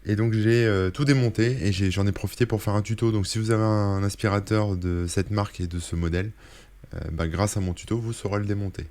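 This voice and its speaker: Low-voiced French man, tech blogger and streamer, chatty and meandering delivery. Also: steady tone, a little fast, a little mellow. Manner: rambling, many fillers and self-corrections. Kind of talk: casual screen-share link roundup.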